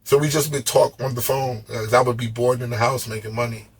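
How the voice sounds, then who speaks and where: A man's voice: medium pitch, fairly quick, slightly rough. A man guest on a podcast, telling stories in a loose, profane, slangy way and often stumbling over and repeating his words. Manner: loose, profane, animated storytelling with slangy street talk. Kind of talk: casual storytelling interview.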